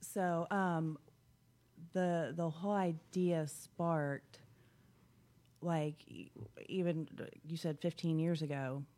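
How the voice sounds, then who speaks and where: Soft-spoken, slow host murmuring agreement. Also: medium pitch, steady tone. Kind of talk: casual podcast chat.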